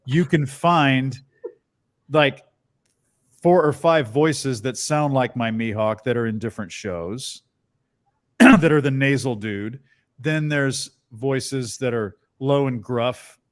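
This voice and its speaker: In a relaxed interview, a bass-baritone man in middle age appears as a guest and shares stories. As a voice actor, he livens up his anecdotes with rapid character voices.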